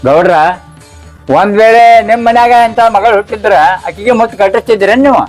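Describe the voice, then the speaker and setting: A man's voice: high-pitched, fairly quick, soft background music, natural voice. A man playing a stern old grandfather in a village skit, speaking bluntly with a North Karnataka Kannada accent. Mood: confronting. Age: older. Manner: blunt, confronting.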